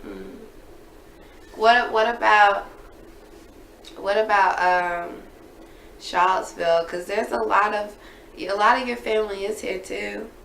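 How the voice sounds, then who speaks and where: Creaky-voiced woman interviewing in an echoey room. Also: medium pitch, a little slow, pauses often. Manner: relaxed, probing follow-up questions, gently teasing. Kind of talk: casual one-on-one interview. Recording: echoey room with faint background noise.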